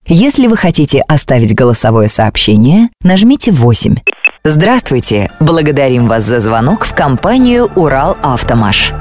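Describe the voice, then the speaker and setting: A woman reading recorded phone greetings and hold messages in a polite, measured, formal manner. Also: extremely low pitch. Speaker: phone system announcer.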